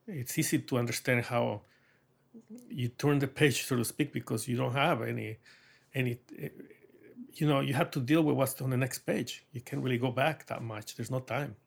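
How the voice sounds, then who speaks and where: In a gravelly, husky voice of medium pitch, a middle-aged man from Mexico reflects on his art for a documentary. His Mexican accent comes through as he stops often, filling gaps with hesitations and gentle laughter.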